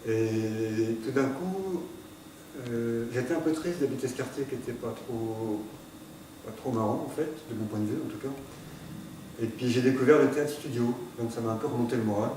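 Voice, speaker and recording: A man's voice: mid-range voice, moderate pace. A man giving a hesitant, casual account of joining an amateur theatre group, with many fillers. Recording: echoey room, speaking from far off, background noise.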